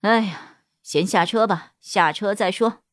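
A woman storyteller voicing a male shop boss who talks in a lowered, coaxing, soothing way. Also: unhurried, no room sound, studio quality, close to an everyday voice. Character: gruff flustered male shop boss, gentle underneath.

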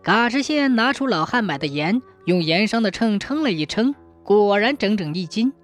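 Woman storyteller, folk tale narration, expressive, faint music behind. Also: mid-range voice, moderate pace.

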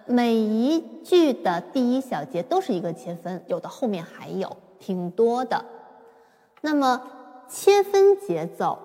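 A woman giving a patient, step-by-step piano lesson, explaining slowly with occasional fillers. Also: fairly high pitch, warm tone. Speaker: piano teacher. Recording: long reverb with piano. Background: piano played at times.

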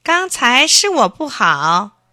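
A woman voicing a cheerful, impatient little boy in a children's storybook reading, exclaiming in a high voice. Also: very animated, takes it slowly, sharp tone, no echo, clean studio sound, full character voice. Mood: eager.

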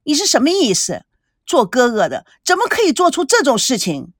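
An earnest, lovesick young man stumbles over his words as he pleads, as a woman reads his part aloud. The voice stays fairly high, with lively rises and falls, and it sounds dry and close. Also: normal speed, dry recording. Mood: pleading. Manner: stammering, pleading. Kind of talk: audiobook character voice.

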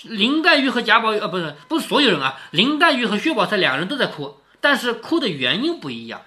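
A man's voice: high voice, sing-song, fast talker, pushed and bright. A middle-aged man reading a classic novel aloud to his daughter in a casual way, stopping often to explain and to ask rhetorical questions. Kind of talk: casual read-aloud with commentary.

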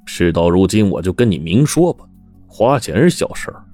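A man's voice: deep voice, sing-song, normal speed, mellow, faint music behind. A man playing a smug, scheming mine boss. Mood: sly. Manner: oily, smug and wheedling. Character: scheming, ruthless middle-aged male mine boss. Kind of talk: storytelling.

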